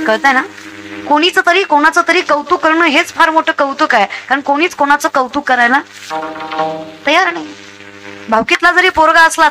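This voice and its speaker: A woman's voice: high-pitched, pushed and bright. A woman preaching a comic devotional sermon, scolding the crowd and mimicking villagers. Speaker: kirtan preacher.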